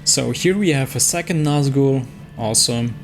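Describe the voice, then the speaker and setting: A mid-range voice at a normal pace belongs to a man hosting casual commentary on a digital card game. He reasons aloud, a little hesitant about his moves, while music plays in the background.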